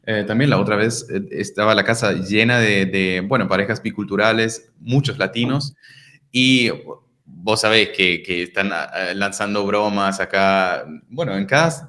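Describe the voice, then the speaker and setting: A man hosts a relaxed interview, asking questions in a low voice. He hesitates and searches for his words as he goes. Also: normal speed. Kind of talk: casual interview chat.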